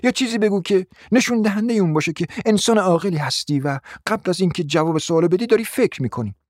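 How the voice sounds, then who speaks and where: A man's voice: no echo, studio quality. A man voicing a domineering, scornful middle-aged woman who barks orders and insults at her husband in an audiobook reading. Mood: scolding. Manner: shrill scolding, sharp commands and insults.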